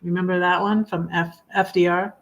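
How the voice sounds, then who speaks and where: A woman in her fifties chatting on a live stream, rambling with many pauses and fillers, sometimes singing a hymn line slowly. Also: on the low side, little pitch movement. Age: 50s. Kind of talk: casual live chat.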